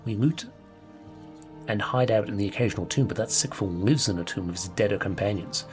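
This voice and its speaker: A man's voice: lowish voice, a little fast, over music, voice pushed down, natural voice. A man voicing a doomed male mercenary, solemnly reading his farewell letter aloud in a put-on accent. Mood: grave, desperate.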